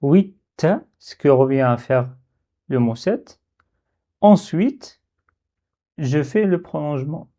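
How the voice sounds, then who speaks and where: Man, slow patient teacher, mellow tone, dull lo-fi audio. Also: mid-range voice, expressive. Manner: slow, repeats syllables for learners. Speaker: Arabic teacher. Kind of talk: step-by-step letter lesson.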